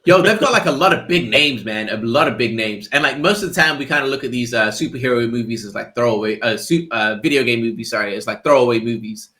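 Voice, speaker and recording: A man co-hosting a podcast in casual, energetic chat, full of slang and quick laughs. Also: medium pitch. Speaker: podcast co-host.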